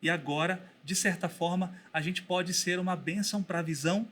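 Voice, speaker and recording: Guy on a podcast, kinda high and bright, thinks out loud with restarts, bit of faint hiss. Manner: thoughtful, pauses and restarts. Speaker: guest, Bible school teacher. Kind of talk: casual podcast conversation.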